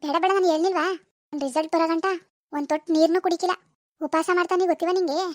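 A woman's voice: extremely high pitch, steady tone, racing, darkish tone, dry recording, studio quality. Bangari, a frantic village schoolgirl. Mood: defensive. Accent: rural Karnataka Kannada. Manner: pleading, repetitive, dramatic. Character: anxious teenage village girl awaiting exam results. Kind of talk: cartoon voice acting.

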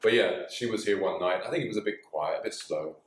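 Low-pitched and fast-talking, this man in his forties comes through with a faint hiss or hum. He owns a bar and a dojo and chats easygoingly in a relaxed interview, dropping lots of fillers and laughing often. Recorded indoors by a camera across the room in a small bar with signed walls, the sound is echoey and distant.

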